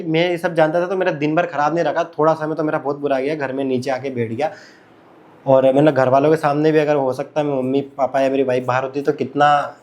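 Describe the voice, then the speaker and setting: Man telling a story, fairly high voice. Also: darkish tone. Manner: conversational, repeats phrases, fillers. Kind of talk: casual personal storytelling.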